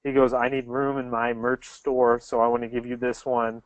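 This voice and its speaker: Joking host on a dry video call. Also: male voice, medium pitch, little pitch movement, moderate pace, no room sound, low-quality recording. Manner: joking, teasing. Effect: heard over a video call. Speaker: show host.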